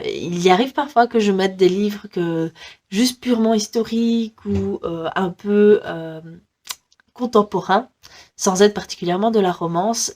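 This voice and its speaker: A woman's voice: mid-range voice, darkish tone. A young woman with a French accent chatting casually about books on her wishlist, with lots of fillers and small laughs. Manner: chatty, many fillers and giggles, reads blurbs aloud. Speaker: book vlogger. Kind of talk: casual book wishlist vlog.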